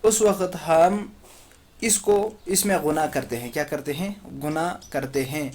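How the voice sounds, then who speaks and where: A man's voice: on the high side, darkish tone. Patient man spelling out Quran recitation. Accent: Pakistani Urdu. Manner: patient, repeats each syllable slowly and asks the class questions. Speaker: Quran tajweed teacher. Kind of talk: spelling out letters and vowel marks in a recorded lesson.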